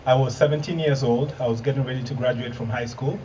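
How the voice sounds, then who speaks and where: Brief: Kenyan-born man, thirties, earnest stage talk, mid-pitched, heard from a distance on a muffled hall recording with faint noise. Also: steady tone, fast, mellow. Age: 30s. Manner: earnest storytelling with light humor and fillers. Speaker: presenter. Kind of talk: live stage presentation. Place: event hall with audience.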